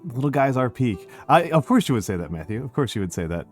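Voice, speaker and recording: A man with a Northeastern American accent chatting as a livestream host in a smooth, measured public-speaker or teacher voice, often halting and repeating his phrases. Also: mid-range voice, very animated. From Northeastern United States. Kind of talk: casual livestream chat. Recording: music behind the voice. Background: music.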